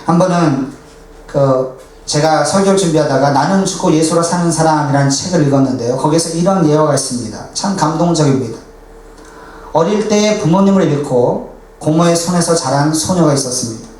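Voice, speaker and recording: Male pastor, high voice, earnest storytelling sermon, recorded far off in a reverberant sanctuary. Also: brisk, darkish tone. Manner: earnest preaching, acts out quoted dialogue. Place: church sanctuary. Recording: echoey church hall, distant, faint hiss.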